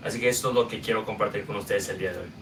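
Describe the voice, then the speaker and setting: A young man from Guatemala with a Guatemalan Spanish accent, hosting a podcast and telling his own life story in a casual, unhurried way with many filler sounds. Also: lowish voice, far from the mic, noisy background. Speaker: podcast host. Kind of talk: personal storytelling monologue.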